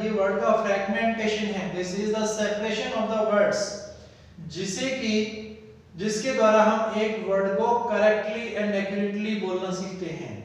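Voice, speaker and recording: A male teacher giving a classroom lecture, drawing out and repeating key words and asking rhetorical questions. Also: high voice. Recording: echoey hall, distant mic, faint noise.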